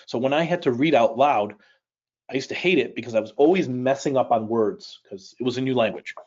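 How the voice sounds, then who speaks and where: Raised in Chicago, United States, and a native Polish speaker, this middle-aged reading instructor teaches a live webinar at a mid-range pitch and a little fast. He keeps it relaxed and conversational, putting questions to viewers and adding light jokes, while his personal webcam-stream mic sounds dull and lo-fi.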